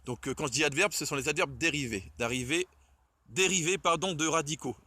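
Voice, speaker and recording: A fairly high, bright, forceful male voice, recorded dry, runs a little fast as an Esperanto enthusiast walks through the alphabet. He's outdoors in the cold, shivering slightly, and his casual delivery is hesitant, packed with fillers and self-corrections.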